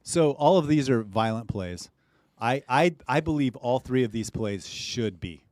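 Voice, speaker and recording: A man's voice: mid-range voice, lively intonation, measured pace, a little mellow, no room sound. A man co-hosting a casual football podcast, asking leading questions with jokey asides. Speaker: podcast co-host. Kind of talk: casual chat about football.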